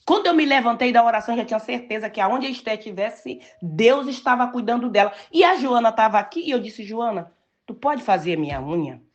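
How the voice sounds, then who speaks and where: An older woman from Brazil preaching a sermon, telling a personal story and stressing key words slowly and emphatically. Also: on the high side, lo-fi sound.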